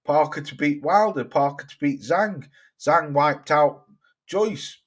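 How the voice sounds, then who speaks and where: A man's voice: fairly high pitch, slow, a bit bright. A man hosting a casual boxing livestream, reading viewer comments aloud and swearing freely as he chats. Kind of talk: casual live-chat commentary.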